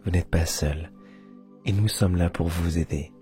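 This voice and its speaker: A man guiding a sleep hypnosis session in a soft, soothing delivery, close in the listener's ear, at times trailing into a breathy near-whisper. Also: sits low, fairly even intonation, measured pace. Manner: close binaural voice, right in the ear. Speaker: host of a relaxation and hypnosis channel. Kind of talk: guided sleep hypnosis narration. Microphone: close binaural microphone. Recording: close binaural recording with soft music. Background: soft background music.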